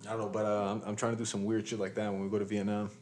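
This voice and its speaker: Young frat bro, lowish voice. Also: male voice, level tone, very fast, darkish tone, a little hiss or hum. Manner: slangy, teasing frat-bro talk. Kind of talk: casual banter between friends.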